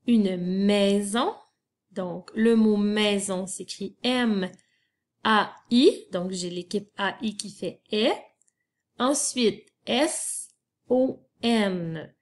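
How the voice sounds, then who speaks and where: A woman gives a children's spelling lesson, spelling each word letter by letter. She speaks very slowly and patiently, in a mid-pitched voice. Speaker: teacher.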